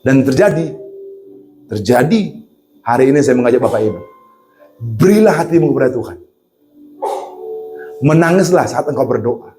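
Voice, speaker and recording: A man preaching a lively sermon in a church, asking his congregation questions and acting out the voices in his stories. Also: medium pitch, normal speed, pauses often, soft background music. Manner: animated, acts out voices, asks the congregation questions.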